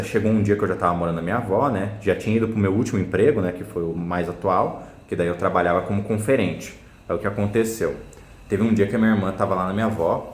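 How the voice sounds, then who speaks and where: A man's voice: on the low side, a little hiss or hum. A young man telling a personal story to camera in a casual, blunt way, full of slang and swearing. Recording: roomy echo.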